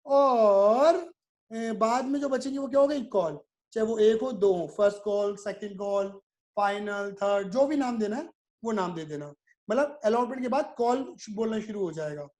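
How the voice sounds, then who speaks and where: A man's voice: sits high, moderate pace, darkish tone. A male commerce teacher giving a video lecture. He talks in a repetitive, drilling way, asks his students questions, answers them himself and calls them "my son".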